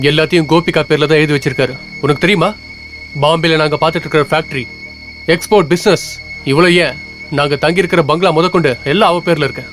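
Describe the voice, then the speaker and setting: A man's voice: fairly high pitch, lightly acted, rough recording. An actor playing a greedy young man who schemes to marry for an inheritance, with a sneering, mocking manner. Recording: film soundtrack with loud music.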